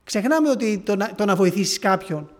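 A man with a high voice preaches, relating an encounter in an earnest, halting manner. He restarts phrases often as he tells the story. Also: lively intonation. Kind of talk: sermon testimony.

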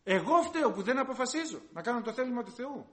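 A man preaching a sermon, emphatic and full of rhetorical questions, swinging between loud and hushed delivery. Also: very high-pitched, animated.

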